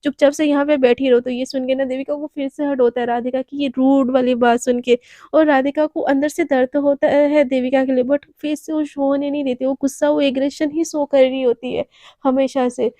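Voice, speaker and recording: A woman tells a serialized romance story in a casual, chatty way, full of little fillers. Her voice is high yet mellow in tone. The recording is dry and close. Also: little pitch movement, moderate pace, dry recording.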